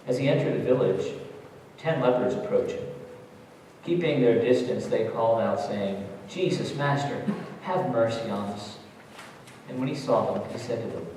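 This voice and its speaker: A man's voice: mid-range voice, darkish tone. Guy pastor reading bible aloud, formal, really echoey hall, mic far away, bit of noise.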